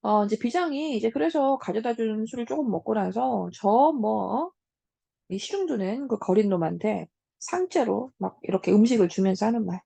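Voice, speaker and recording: A woman teacher giving a casual lecture on a classic story, talking straight to her students with many soft hums between points. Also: fairly high pitch, expressive, moderate pace, gravelly, slightly rough, no echo. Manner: casual, talks to students as 얘들아 with frequent hums.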